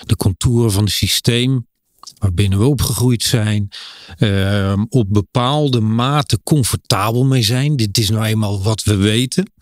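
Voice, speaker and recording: A man's voice: on the low side, measured pace, dry recording, studio quality. Hesitant man hosting a podcast. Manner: hesitant, many filler sounds, searching for words. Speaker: podcast host. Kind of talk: podcast interview.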